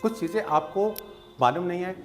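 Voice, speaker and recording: A man teaching spoken English, explaining slowly and patiently and checking that students follow. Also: high voice, soft background music. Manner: slow, patient explaining with checks like "theek hai?".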